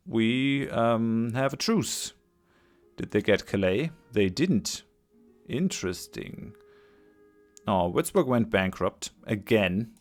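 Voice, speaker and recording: A man's voice: fairly low pitch, a little mellow. A man commentating a strategy game as he plays, thinking aloud, hesitant, with many fillers and restarts, his voice tiring. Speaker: let's play host. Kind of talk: casual gameplay commentary.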